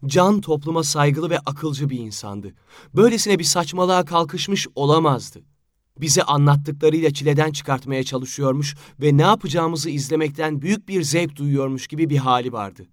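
A man narrating a story in a steady, storytelling manner. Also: on the high side, no room sound, clean studio sound. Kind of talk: audiobook narration. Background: faint music.

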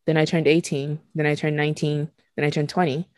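A young woman from Nigeria hosts a podcast in a low, dry voice. She talks frankly and emotionally, with casual swearing and laughter between thoughts. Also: little pitch movement, fairly quick, a little mellow, no room sound. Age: 20s. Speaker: podcast host. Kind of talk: candid podcast conversation.

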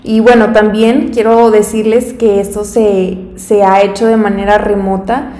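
A woman's voice: medium pitch, level tone, unhurried, mellow. A young woman hosting a podcast interview in a casual, chatty style. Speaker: podcast host.

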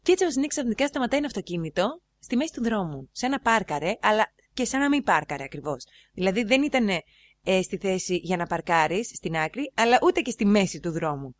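A woman vlogger chatting casually to her viewers, retelling stories in an animated way and turning often to address the audience. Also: mid-range voice, dry recording. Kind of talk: casual storytelling and advice to viewers.

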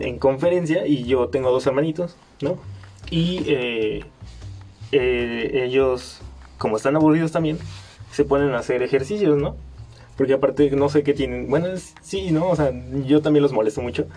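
A man's voice: mid-range voice, dark tone, breathy edge. A young man with a Mexican accent telling a funny family story in a casual podcast chat, laughing often and using lots of fillers. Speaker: podcast host.

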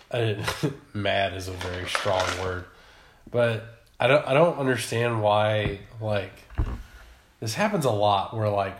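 Hesitant low-voiced man. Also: roomy sound, slight background noise. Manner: laid-back, hesitant, trails off. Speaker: podcast co-host. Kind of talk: casual chat.

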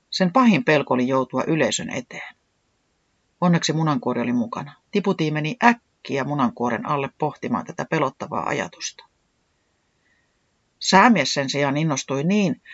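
A storyteller reading a children's story aloud with lively expression. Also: mid-range voice, breathy edge, dry recording, lo-fi sound. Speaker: narrator. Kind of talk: children's audiobook narration.

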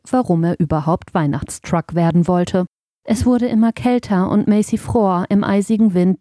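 A woman narrating a children's audiobook in a gentle, expressive storytelling manner. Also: lowish voice, no echo, studio quality.

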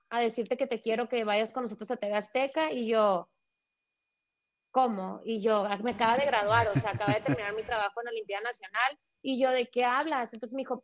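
A woman, a sports journalist, telling her story in a lively way over a remote call and acting out the people she quotes. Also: a little high. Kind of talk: animated storytelling in a casual interview. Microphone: remote video call. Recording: dull lo-fi call audio.

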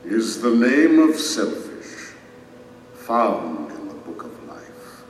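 A man's voice: medium pitch, big pitch swings, takes it slowly, a little hiss or hum. Majestic king, loving judge, formal and dramatic, sweeping intonation, distant in a reverberant hall over music. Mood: solemn, benevolent. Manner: stately, formal, proclaiming. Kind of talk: dramatic audio drama acting. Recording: cavernous echoing hall, music underneath.

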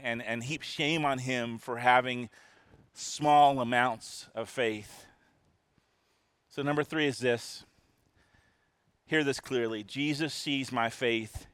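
A man's voice: mid-range voice, a bit bright, dry recording. A man preaching a sermon as a pastor, earnest, often restarting and repeating his words.

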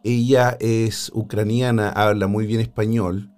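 Chilean male host, lowish pitch, hesitant and filler-heavy live chat. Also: level tone, measured pace, darkish tone. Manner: hesitant, many fillers and restarts. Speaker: host of a live paranormal stream.

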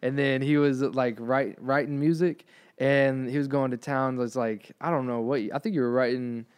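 A man's voice: mid-range voice, fairly even intonation, moderate pace, a little mellow, smooth. A young man hosting a podcast, telling a story in casual chat, laughing often and joking around. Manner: laughs often, sarcastic joker. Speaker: podcast host.

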